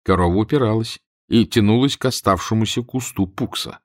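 A man narrating humorous prose as an audiobook reader, telling it with expressive irony. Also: on the low side, a little fast, no room sound, studio quality. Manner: expressive, ironic storytelling.

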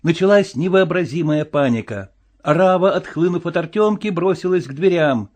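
Male storyteller, high-pitched, dramatic delivery with hushed lows. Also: normal speed. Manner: expressive, swinging between loud and hushed. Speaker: narrator. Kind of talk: dramatic audiobook reading.

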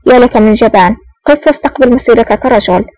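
A woman's voice: on the high side, fast, a little mellow, natural voice, low-quality recording. A woman voicing a cruel, sneering older male villain agent in an audiobook, threatening and blunt. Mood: menacing.

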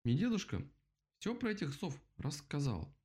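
A man voicing a loud, boastful, easily frightened male rabbit in a children's storybook, shrill and excitable. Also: moderate pace, breathy edge, full character voice. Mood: scared.

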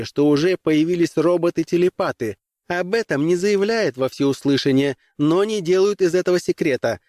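A man's voice: on the high side, a little mellow, dry recording, pitched above the performer's own voice, close to an everyday voice. A man voicing a cold female commissar in a spoken sci-fi story. She lectures in clipped, icy sentences and talks down to the people around her. The sound is close and dry. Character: stern, cold middle-aged woman commissar.

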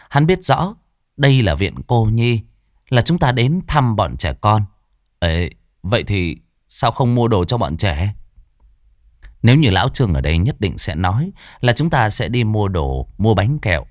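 A man narrating a story with a steady, dramatic reading. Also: lowish voice, dry recording, studio quality.

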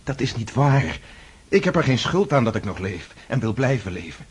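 A man's voice: mid-range voice, big pitch swings, moderate pace, husky. An actor playing Pierre, an earnest man back from war captivity, speaking in a reflective, emotional way in a radio drama. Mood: fervent.

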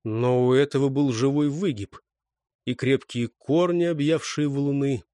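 A man reading a novel aloud as an audiobook narrator, in measured storytelling that acts out the dialogue. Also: mid-range voice, mellow, dry recording, studio quality. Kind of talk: scripted narration.

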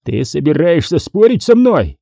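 A volatile, furious gang boss snarls and roars his threats, as a male narrator puts him on. The voice climbs well above the reader's own, husky and dark. It is a dry audiobook reading. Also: high-pitched, sing-song, moderate pace, no echo, pitched above the performer's own voice, full character voice. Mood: raging. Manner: snarling, yelling threats in bursts.

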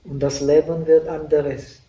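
Slow, halting monk in an echoey hall. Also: male voice, on the high side, flat delivery, dark tone. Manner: halting, with frequent pauses and fillers; non-native German with broken grammar. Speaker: Buddhist monk teaching meditation. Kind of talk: dharma talk at a meditation retreat. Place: retreat meditation hall. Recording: echoey room, voice from a distant mic.

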